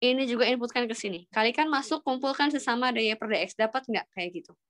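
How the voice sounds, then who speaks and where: A woman's voice: on the high side, quick pace, a bit bright. A woman teaching an online calculus class, patiently walking students through each step and prompting them with questions. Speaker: math lecturer.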